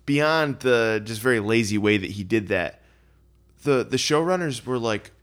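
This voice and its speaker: A podcast co-host chats casually, rambling with fillers as he retells scenes. He speaks a little slowly and animatedly at medium pitch, with a slightly bright voice.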